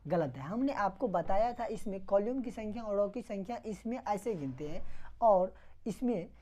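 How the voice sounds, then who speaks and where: Mellow-voiced woman teaching step by step. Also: medium pitch, expressive, moderate pace. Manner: repeats questions and answers them herself, step by step. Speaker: math teacher. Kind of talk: classroom lecture.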